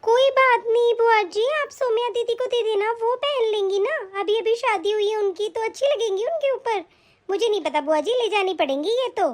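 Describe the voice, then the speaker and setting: A woman voicing a kind, cheerful young daughter-in-law in an animated story, polite and respectful. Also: very high-pitched, normal speed.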